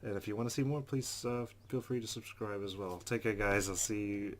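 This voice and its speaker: With game music in the background, a man with a lowish voice plays through a game a little fast. He voices the narration with expression and tosses in offhand, informal remarks.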